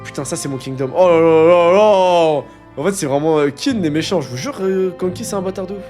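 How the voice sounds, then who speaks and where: A young man streaming himself reading a manga, reacting in excitable, slangy casual commentary with laughing asides. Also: a little high, brisk. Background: faint music.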